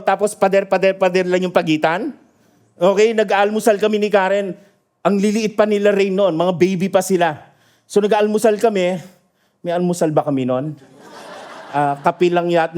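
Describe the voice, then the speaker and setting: A man preaching a sermon in a lively storytelling manner, often asking his congregation for an amen and laughing at his own stories. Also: sits high. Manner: asks the congregation for agreement. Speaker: pastor. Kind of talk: sermon mixing Tagalog and English. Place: church.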